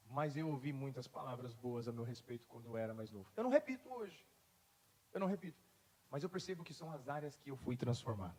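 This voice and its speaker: Preaching in a church hall with long reverb, a man moves from telling stories in a conversational way to making emphatic declarations. He's a pastor whose voice is on the high side, husky, with a darkish tone.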